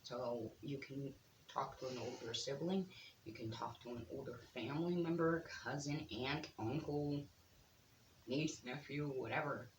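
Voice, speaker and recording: Soft-spoken thirty-something vlogger, unhurried delivery, roomy echo on the recording. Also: medium pitch, a little hiss or hum. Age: 30s. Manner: soft-spoken, slow, with frequent ums. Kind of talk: earnest direct-to-camera advice talk.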